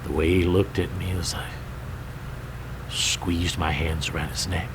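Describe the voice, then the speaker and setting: An actor playing a bitter, unrepentant killer inmate in a thriller film, intense, haunted and self-justifying. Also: male voice, sits low, steady tone, measured pace. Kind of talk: psychological thriller film acting. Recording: clear noise over film dialogue.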